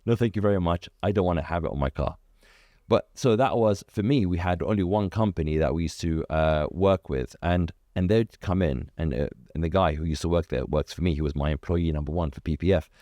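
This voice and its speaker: Brief: low, mellow male founder, animated storyteller, dry close sound. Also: fairly quick, dry recording. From Iraq. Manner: animated storyteller, acts out quoted dialogue, many restarts. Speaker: car detailing business founder, guest. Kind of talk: casual interview chat.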